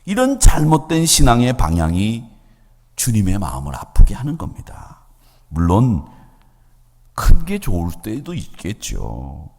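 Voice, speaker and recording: A male pastor delivers a sermon with a lively, swinging pitch, breaking into acted-out voices for the people in his story. His voice carries a long church-hall reverb behind it. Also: unhurried, vocal fry. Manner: animated preaching, acting out quoted voices. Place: church sanctuary.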